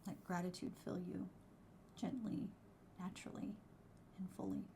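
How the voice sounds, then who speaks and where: A woman guiding a meditation in a soft, hushed, soothing voice that slips close to a whisper, unhurried and gentle. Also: on the low side, steady tone, vocal fry, a little hiss or hum. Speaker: host, wellbeing coach and meditation guide. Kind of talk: guided meditation.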